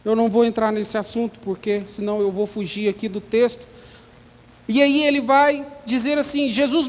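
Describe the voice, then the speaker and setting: A man's voice: high voice, big-room sound. A man with a Brazilian Portuguese accent preaching a sermon as pastor. He speaks emphatically and keeps asking the congregation rhetorical questions. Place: church.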